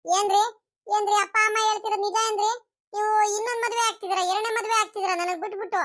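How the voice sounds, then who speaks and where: A woman's voice: extremely high pitch, level tone, very fast, a bit bright. A woman voicing a young village wife in a comedy cartoon, reproachful and scolding her husband.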